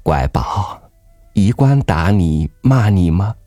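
A man voicing a gentle, poor village mother who talks softly and coaxingly to her young daughter. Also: sits low, expressive, slow, no echo, soft background music, voice pushed up, heavily acted. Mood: tender, coaxing. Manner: soft, coaxing.

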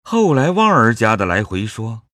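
A man narrating an audio drama in a measured storytelling manner. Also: lowish voice, very animated, fairly bright tone, no echo, clean studio sound.

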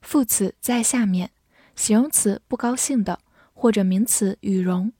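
A woman teaching English vocabulary in a clear, patient way, spelling out words and reading model sentences slowly. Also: mid-range voice, warm tone, no echo, clean studio sound. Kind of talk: vocabulary lesson.

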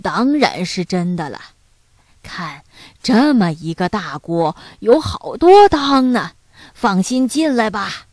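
A woman voicing a lonely, generous old grandfather who speaks gently and cheerfully in a children's story. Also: medium pitch, sing-song, slow, dry recording.

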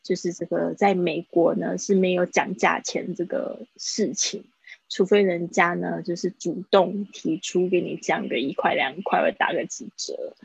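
A woman teaching a live online English lesson, pausing to repeat words for pronunciation. Her voice is gravelly and husky. The sound is dull and dry, like a home stream. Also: lowish voice, darkish tone, no room sound. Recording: dull, dry livestream audio.

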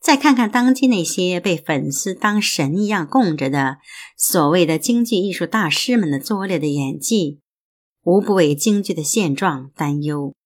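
Woman host reading an essay, measured. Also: on the low side, lively intonation.

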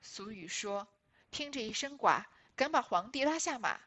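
Wang Xifeng, a woman reading a shrewd husky noblewoman. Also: a little high, expressive, moderate pace, fairly bright tone. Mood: aggrieved, scheming. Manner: theatrical, emphatic recitation of classical dialogue. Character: shrewd sharp-tongued young noblewoman, feigning hurt. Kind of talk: reading a classic novel aloud.

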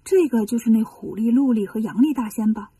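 Here is a bragging monkey king from a storybook told aloud, voiced by a woman. His voice is warm and breathy, with a playful, teasing confidence. It sits slightly higher than average and sounds a little distant from the microphone. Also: brisk, no room sound. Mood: teasing, confident. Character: cheeky boastful male monkey king hero.

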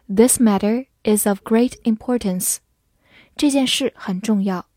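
A woman gives a scripted vocabulary lesson at an unhurried, measured pace. Her voice is mellow and sits a little high, and she spells each word letter by letter before reading the examples slowly. The sound is dry and close, with no room around it. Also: no echo. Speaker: English vocabulary teacher.

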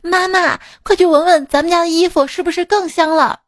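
A woman's voice: very high voice, fairly even intonation, fairly quick, background noise, voice pushed up. A woman voicing a naive, sweet little girl who talks in a childish, stammering way. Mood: eager.

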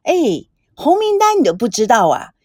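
A woman's voice: high-pitched, huge pitch swings, no room sound, full character voice. Big-mouth teasing crew lady, voice bouncing all over, woman reading it, dry close sound. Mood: chatty. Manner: chatty and teasing, lots of drawn-out particles.

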